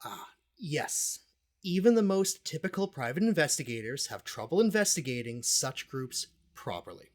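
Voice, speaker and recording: An actor in an audio drama plays a self-important cult expert and investigator, delivering his lines pompously and dramatically with deliberate pauses. His natural mid-range voice has a sing-song quality and a smug, theatrical mood, with music playing underneath.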